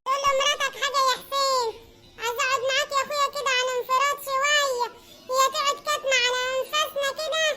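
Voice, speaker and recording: A woman voicing a touchy, fight-picking sister-in-law, with an Egyptian accent, talking fast and aggrieved. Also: level tone, very noisy. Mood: complaining. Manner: quick, shrill and aggrieved, nagging her brother.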